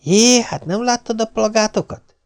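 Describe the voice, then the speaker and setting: Guy putting on a cheeky street kid, high and excited, gravelly edge. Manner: excited, slangy, pushy. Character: cheeky streetwise city schoolboy.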